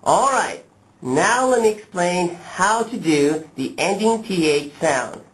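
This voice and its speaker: A man presenting a pronunciation lesson to learners, modeling speech slowly and with exaggerated, deliberate clarity. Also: sits high, expressive, low-quality recording. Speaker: pronunciation teacher, lesson host. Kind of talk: instructional lesson to camera, addressing learners.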